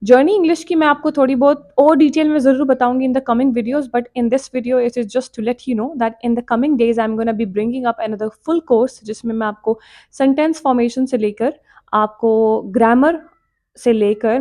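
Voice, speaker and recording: This is a woman with a high voice giving a casual spoken English lesson to her viewers. She talks in a direct, encouraging way and keeps repeating her main point. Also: darkish tone. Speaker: English teacher.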